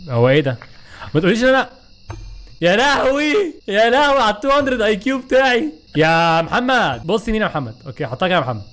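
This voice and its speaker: A man with an Egyptian Arabic accent giving excitable, joking let's play commentary, talking back to the game. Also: fairly high pitch. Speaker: gaming YouTuber.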